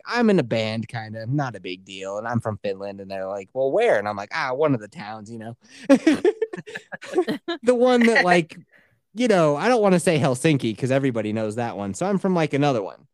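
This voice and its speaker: A woman's voice: extremely low pitch, expressive, brisk, darkish tone, no room sound, studio quality. A woman telling a funny story in a casual chat, mocking herself and laughing often.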